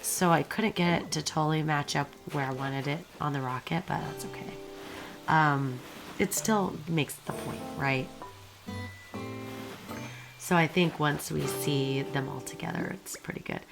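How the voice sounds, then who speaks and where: A woman with a raspy, hoarse smoker's voice, worn from being sick, giving casual, rambling gameplay commentary in an informal way. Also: deep voice, unhurried, music in the background, low-quality recording. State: hoarse from a recent illness. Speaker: video creator narrating game footage.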